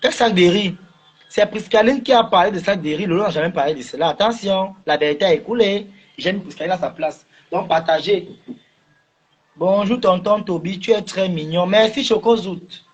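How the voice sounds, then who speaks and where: A man taunts a rival on a livestream, hammering the same questions again and again. His voice is pitched high and husky. The audio is dull and lo-fi. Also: normal speed. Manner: taunting, repeats questions, rising to shouts. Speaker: social media livestreamer. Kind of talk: mocking livestream rant.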